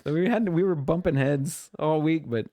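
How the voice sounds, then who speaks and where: In a fairly high, mellow voice at normal speed, with no room sound, a man shares meandering stories about his work week. He's co-hosting a casual podcast and imitates coworkers as he quotes them.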